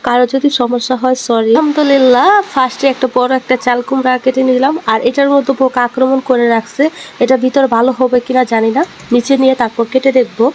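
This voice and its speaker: A woman, hoarse from a cold, chatting to viewers in a casual vlog voice-over. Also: high voice, darkish tone, a little hiss or hum. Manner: chatty, addresses viewers directly. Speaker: vlogger.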